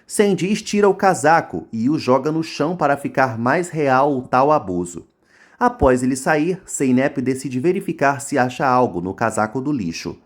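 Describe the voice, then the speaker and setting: A man's voice: medium pitch, animated, moderate pace. A man with a Brazilian Portuguese accent recapping a soap opera episode in casual narration, dropping mocking, slangy asides.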